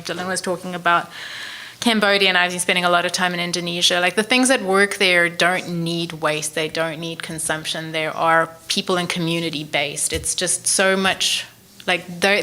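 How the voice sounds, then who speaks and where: In a lecture room, a woman panelist answers an audience question bluntly and emphatically, quick to push back. Her voice is lowish with a sharp tone.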